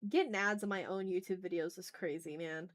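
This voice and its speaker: A woman hosting an art livestream chats casually as she draws, muttering to herself in an informal, rambling way with mild swearing. Her voice is on the low side, fairly quick, with fairly even intonation.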